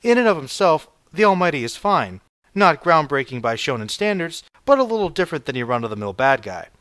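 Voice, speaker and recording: A man narrating a scripted video essay as a reviewer, with a measured, analytical delivery. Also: on the high side, a bit bright, no room sound.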